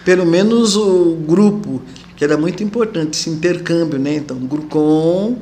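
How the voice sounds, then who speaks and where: A woman recalls her years as an activist in a relaxed interview, slipping into the voices of the people she quotes. Her voice rings in an echoey room with a faint hiss of background noise. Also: on the low side, normal speed. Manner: lively storyteller who acts out quoted voices. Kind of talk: casual interview recollection.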